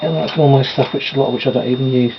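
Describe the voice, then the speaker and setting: A man races through rambling, casual chat in a mid-range, steady-toned voice while doing his makeup at home. Self-deprecating asides pop up along the way. The home recording is dull and lo-fi with noise.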